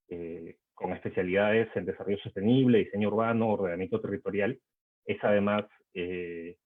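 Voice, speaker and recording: Male moderator, low voice, measured and hesitant, introducing panelists over a tinny video call. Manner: measured, hesitant with frequent fillers. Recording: tinny phone-like online call audio.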